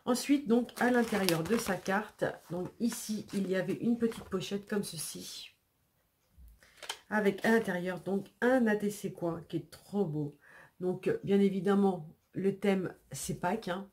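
A woman's voice: medium pitch, unhurried, darkish tone. A woman hosting a scrapbooking channel, unboxing mail in a casual, chatty way with many hesitations and repeated words, sniffling a little. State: sniffling after sneezing.

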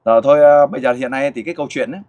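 Speaking rapid-fire in a mid-range voice, this Vietnamese interviewer hosts for a volunteer group. The casual interview finds him coaxing and lively with the child.

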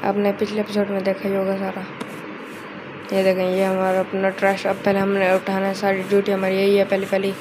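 Chatty woman narrating her gameplay. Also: medium pitch. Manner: chatty, keeps addressing viewers as guys. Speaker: gameplay video host. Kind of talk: casual let's-play commentary. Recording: steady background noise.

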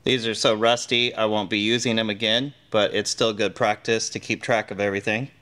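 This middle-aged host of a workshop show talks a little fast, with a fairly low pitch, a sharp tone, and a flat delivery. He's in a large indoor garage, working by hand and laying out each step in a plain, matter-of-fact way.

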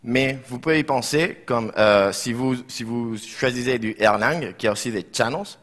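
A man's voice: mid-range voice, normal speed, a bit bright. Spanish-accented man presenting in slightly broken French. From Barcelona, Spain. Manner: slightly broken non-native French, hesitant with frequent reformulations. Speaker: conference speaker, software developer. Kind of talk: technical conference presentation. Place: conference room, indoors.

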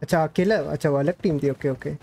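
A man's voice: on the high side, quick pace, creaky, dark tone. A man streaming a shooter game, chatting casually and joking with his chat and other players. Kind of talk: casual live gaming commentary. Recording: noisy game stream audio.

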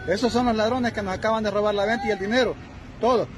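A man, a street vendor, agitatedly shouting and pointing things out outdoors on a street. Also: high voice, steady tone, fast talker, a faint crowd. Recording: noisy street clip, traffic behind.

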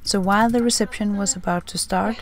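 A woman narrating a sailing vlog in a warm, reflective voice-over. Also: medium pitch, fairly even intonation, brisk, crowd noise. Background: music.

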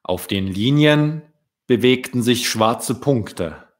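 A man, a children's book author, reading his story aloud in a deliberate storytelling manner. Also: mid-range voice, lively intonation.

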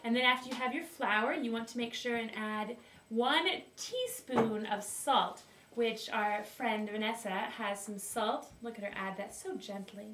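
A young woman fronts her homemade cooking video with teasing mock formality, giggling frequently. Her fairly high voice moves at a measured pace. The far camera in the little wooden kitchen gives a distant, roomy sound with a slight hiss.

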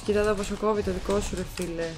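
A woman's voice: medium pitch, fairly even intonation, background noise. Teasing woman gloating over a game. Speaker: gaming co-host. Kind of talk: casual gameplay chat. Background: game music.

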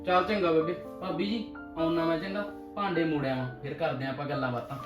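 A cheeky, teasing younger brother, played by a man, always up to mischief. His voice is a bit high and sounds far off in a roomy room. Faint music runs underneath. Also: steady tone, a little fast, lightly acted. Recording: roomy film audio, distant mic, music.

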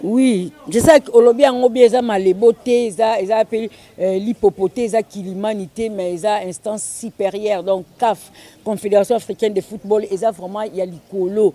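A woman, an interviewer who asks steady questions and gives frequent murmured agreement. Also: medium pitch, brisk.

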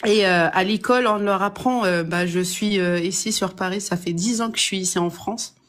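A woman's voice: mid-range voice, normal speed. A woman from Algeria calling into a live debate, talking hesitantly with many fillers and restarts but growing emphatic. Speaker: caller.

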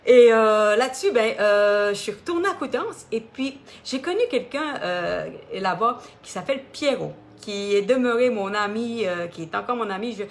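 A middle-aged woman with a Quebec French accent, telling her story in a casual, expressive way on a live stream, with many fillers. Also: on the high side. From Quebec, Canada. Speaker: singer hosting her own live stream.

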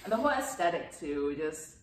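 A woman's voice: deep voice, big pitch swings, brisk. A young woman co-hosting a reaction video, chatting in a laid-back way and saying 'dang' a lot. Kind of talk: casual chat. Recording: echoey room with faint noise.

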